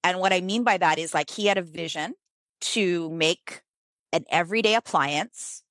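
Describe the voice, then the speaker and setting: Brief: middle-aged American businesswoman, low voice, animated and chatty, dry close sound. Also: moderate pace, no room sound. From United States. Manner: animated, filler-heavy, emphatic pitch jumps. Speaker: guest, business author. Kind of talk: casual conversational interview.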